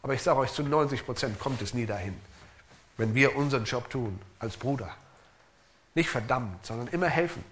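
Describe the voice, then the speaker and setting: A man's voice: medium pitch, lively intonation, normal speed, a bit bright, slight background noise. A middle-aged man preaching as a pastor in an earnest, emphatic way, asking his listeners direct questions. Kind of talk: sermon.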